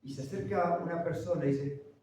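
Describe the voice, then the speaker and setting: Impassioned pastor in echoey church. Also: male voice, a little high, brisk, a little mellow, distant mic, a little hiss or hum. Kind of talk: sermon.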